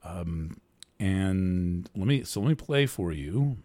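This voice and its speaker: A man hosting a show, talking through a monologue in a deliberately soft, earnest way. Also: sits low, expressive. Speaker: host. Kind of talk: monologue commentary.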